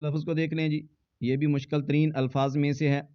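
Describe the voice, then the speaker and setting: A man teaching Quran recitation in a fairly high, smooth and resonant voice. He spells each word out letter by letter, then chants it slowly and draws it out. The sound is dull and lo-fi. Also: level tone. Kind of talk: slow spelled-out recitation lesson.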